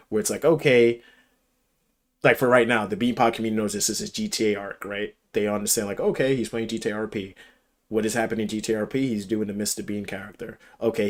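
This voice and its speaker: Low-voiced man rambling about streaming. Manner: rambling, thoughtful, many fillers. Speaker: streamer guest. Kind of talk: casual podcast interview.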